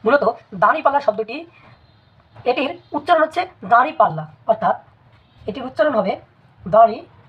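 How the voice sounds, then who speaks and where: A woman teaching a spelling lesson in a measured way, repeating words for emphasis. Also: sits high, lively intonation, slightly rough. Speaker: language teacher. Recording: dull lo-fi recording.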